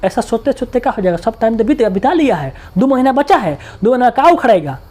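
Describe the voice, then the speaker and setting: Male tutor, Bihari accent, rapid colloquial exam-prep lesson, repeats points to drill them. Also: very high voice, sing-song, dark tone.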